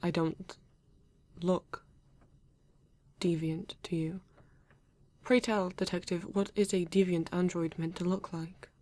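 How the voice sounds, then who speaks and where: Playing a British male android detective who has just been awakened, a woman speaks in a low, even voice directly to the listener for an ASMR roleplay. The formal, reserved character comes across as guarded and halting, with stiff, deliberate phrasing and hesitant pauses.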